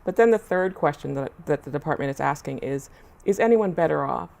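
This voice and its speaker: A woman social services official in a studio panel conversation, explaining in a measured way and repeating key points. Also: low voice, lively intonation, creaky, a little mellow. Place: small TV studio.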